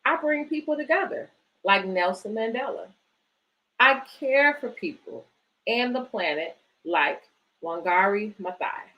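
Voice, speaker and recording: Dull audio carries a woman's slightly high, expressive voice, a little slow as she reads picture books to families. She hosts a children's bedtime story series and directs a book organisation, offering encouraging chat along the way.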